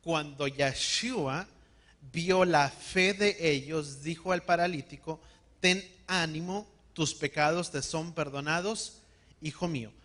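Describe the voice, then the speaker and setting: Guy preaching a sermon, kinda high voice, drags out the big words, has everyone repeat after him. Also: a bit bright. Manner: call-and-response, has the congregation repeat words; slows and stresses key words. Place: church hall.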